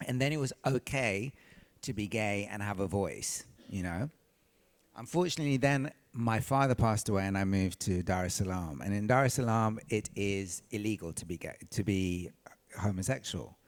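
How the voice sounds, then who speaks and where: Earnest man from tanzania, lowish voice. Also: normal speed. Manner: earnest, repeats phrases for emphasis. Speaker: panel speaker, recording artist. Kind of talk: panel discussion, personal storytelling.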